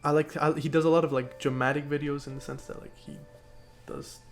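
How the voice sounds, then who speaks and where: A man's voice: on the high side, flat delivery, fairly quick, vocal fry, faint music behind. A young man co-hosting a casual podcast, rambling with lots of fillers and restarts. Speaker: podcast co-host and YouTuber. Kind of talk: casual chat.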